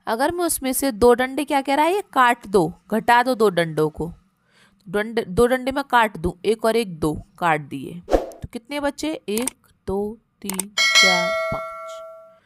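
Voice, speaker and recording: A woman's voice: a little high, lively intonation, slow, a bit bright, dry recording. A woman teacher giving a simple maths lesson to young children, patiently counting aloud and speaking to them kindly as "beta".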